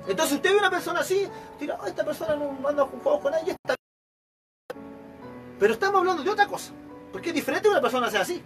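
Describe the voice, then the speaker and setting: A man with a Chilean accent delivers an evangelical sermon in a high voice. He keeps mimicking the people he talks about, so his pitch leaps and falls. Soft music plays under him. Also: quick pace. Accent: Chilean Spanish. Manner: animated, acts out examples of church members. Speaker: preacher.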